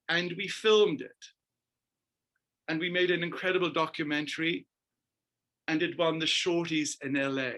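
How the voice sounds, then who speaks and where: A middle-aged man from Northern Ireland, a dancer and choreographer, telling stories as an interview guest in an animated, emphatic way. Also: on the high side. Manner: animated, emphatic storyteller who keeps addressing the host by name. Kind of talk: storytelling interview.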